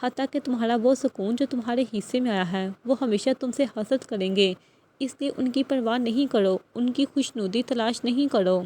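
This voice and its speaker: A woman reads a stern, possessive young husband in an audiobook novel, issuing commands and threats. The voice sits fairly high and sounds mellow and soft-edged. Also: lightly acted. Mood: firm.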